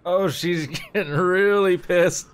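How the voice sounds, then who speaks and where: A man's voice: high voice, slow pace, clean tone. A man casually commenting while playing a video game, chatty and amused. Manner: chatty, amused, reacts aloud. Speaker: gaming let's-play host.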